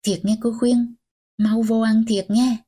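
Household maid, fussing, mellow, slow, voiced by a woman. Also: on the high side, flat delivery, breathy edge. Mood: coaxing. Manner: fussing, coaxing.

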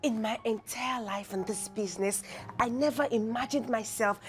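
A woman with a Nigerian accent playing a proud, indignant young woman in a film drama, speaking with deliberate weight. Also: fairly high pitch, lightly acted. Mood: anxious. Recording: music bed behind dialogue.

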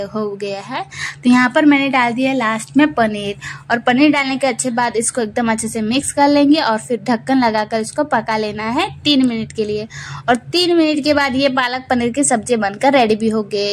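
A woman hosting her cooking channel, talking through a recipe step by step in a chatty way, often checking in with "theek hai guys.". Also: a little high. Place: home kitchen.

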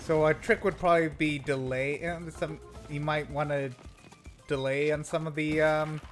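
A player in casual let's-play banter, jokey and excitable, stammering into restarts and breaking into shouted outbursts. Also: mid-range voice, normal speed, soft background music. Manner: stammering restarts and trailing fillers. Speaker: co-op game player.

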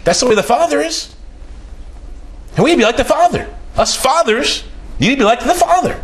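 A man in his forties preaches a sermon in a small room, speaking a little fast with lively intonation. He is emphatic and repeats key phrases for weight, his pitch rising and falling sharply.

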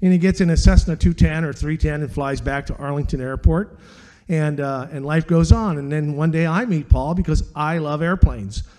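An older man spins a rambling, chatty story, his voice mellow and set a little high for a man. He tosses in dude and man and talks in a relaxed, easygoing flow. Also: normal speed. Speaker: flutist. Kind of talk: casual storytelling.

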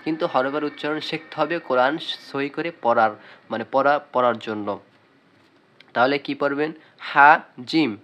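A man's voice: medium pitch, steady tone, a little hiss or hum. Man drilling letter names. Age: young adult. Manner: calls out letter names loudly and slowly; asks and answers his own questions. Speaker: Quran reading teacher. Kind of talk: video lesson on Arabic letters.

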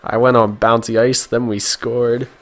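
A tired man casually commentating his own hockey video game, chatty and quick to react. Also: mid-range voice, level tone, fairly bright tone, slight background noise.

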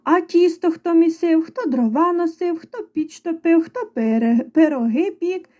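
A woman's voice: very high-pitched, animated, measured pace, mellow, dull audio, voice pushed up. A woman doing a hardworking little rooster. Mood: reproachful.

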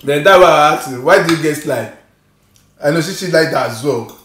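A man's voice: on the high side, normal speed, fairly bright tone, roomy sound, slight background noise. Nigerian man talking with his mouth full. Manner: teasing, talks while chewing. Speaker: mukbang co-host. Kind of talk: casual chat over a meal.

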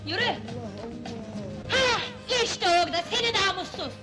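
A shrill older neighbor woman, yelling accusations in a very high voice. She scolds nonstop in old film comedy style, with loud music behind her. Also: lively intonation, unhurried. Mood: furious.

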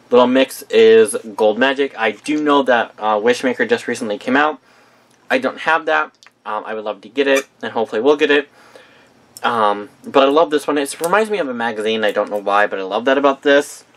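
A man's voice: mid-range voice, a bit bright. A man reviewing perfumes in a casual vlog, chatty and enthusiastic with frequent ums, and he has the hiccups.

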